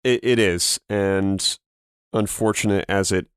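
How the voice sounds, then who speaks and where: A man's voice: fairly low pitch, fairly even intonation, takes it slowly, clean tone, no room sound, clean studio sound. A man in his thirties co-hosting a gaming podcast, chatting casually and laughing easily. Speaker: podcast co-host. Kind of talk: casual chat.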